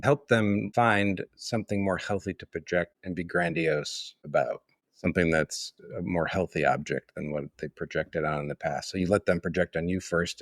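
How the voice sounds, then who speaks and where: A man's voice: deep voice, no room sound, studio quality. A man co-hosting a casual podcast as a therapist, thinking aloud in a reflective, musing way.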